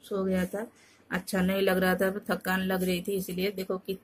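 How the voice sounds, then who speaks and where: A tired woman from Odisha, India, telling a home vlog in a casual, halting way, often searching for words and restarting. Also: medium pitch, monotone. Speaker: vlogger. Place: home at night.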